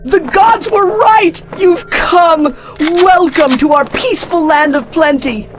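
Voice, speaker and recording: A man voicing a gentle, forgiving male alien with tentacles in a cartoon skit. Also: very high-pitched, slow, soft background music. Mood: joyful welcome. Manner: earnest, welcoming, then pained.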